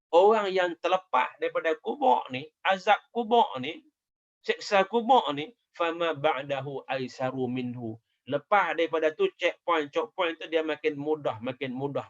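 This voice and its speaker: A man's voice: fairly high pitch, fairly bright tone, muffled recording. A man giving a sermon as a religious teacher, emphatic, repeating his phrases and chanting Arabic quotations.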